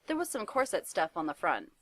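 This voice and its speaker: A woman's voice: fairly low pitch, big pitch swings, brisk, a bit bright, dry recording. Woman reading fanfiction, dry close sound. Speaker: reader.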